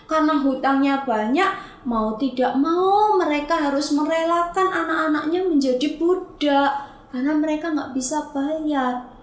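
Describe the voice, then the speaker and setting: A woman with a high voice tells a Bible story to a Sunday school class. She keeps it lively and stops often to put questions to the children. The room around her echoes. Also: measured pace.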